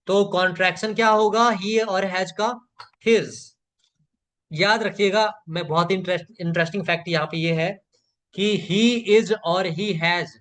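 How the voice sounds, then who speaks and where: A man's voice: high-pitched, fairly bright tone. A man teaching a live online spoken English class, patiently repeating phrases for learners to echo and praising students by name.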